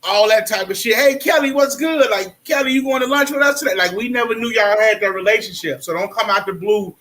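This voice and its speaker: A man with a high, bright voice chats casually about gossip. His talk is slangy and full of laughter, and he keeps circling back to his point. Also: fairly quick.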